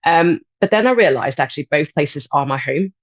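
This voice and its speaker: A woman in her thirties from Hong Kong, a life and transition coach speaking as a podcast guest in a thoughtful, measured way with frequent pauses. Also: low-pitched, expressive, dry recording, lo-fi sound. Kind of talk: podcast interview.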